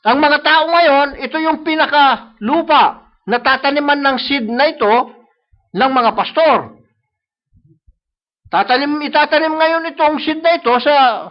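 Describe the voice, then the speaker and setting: Over a dull, lo-fi live stream, a Filipino-accented preacher with a very high voice delivers his sermon. He keeps switching between Tagalog and English, and the phrases "sabi niya" and "no?" come up again and again as he addresses the congregation.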